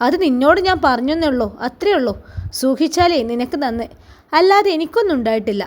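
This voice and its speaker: A woman's voice: high-pitched, lively intonation, fast. A woman putting on a spiteful, sneering sister-in-law. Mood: gossiping. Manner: sneering, hushed and hissing.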